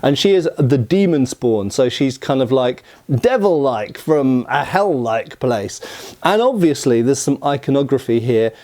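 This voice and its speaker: Warm-voiced man explaining. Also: medium pitch, animated, unhurried. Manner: enthusiastic, discursive explainer. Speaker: host, weapons commentator. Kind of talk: explanatory commentary on game art.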